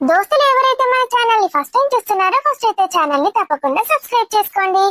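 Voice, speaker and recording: A female channel host giving a cheerful scripted intro with friendly appeals to viewers. Her voice is very high-pitched, with a dry, close sound. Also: lively intonation, very fast, fairly bright tone, no echo.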